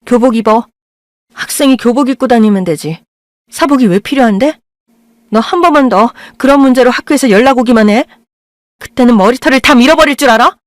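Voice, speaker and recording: A bitter, worn-down middle-aged mother scolds sharply, as a woman acts her out. Her voice pushes up high and tense. The radio-drama recording is dry and close. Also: lively intonation, normal speed, darkish tone, dry recording, lightly acted. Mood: scolding.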